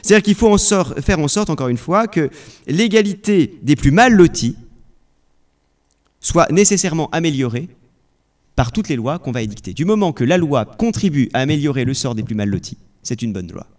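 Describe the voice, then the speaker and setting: Guy lecturing, super lively up-and-down voice, lots of restarts and questions to the class. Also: fairly high pitch, moderate pace. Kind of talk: spoken lecture on political philosophy.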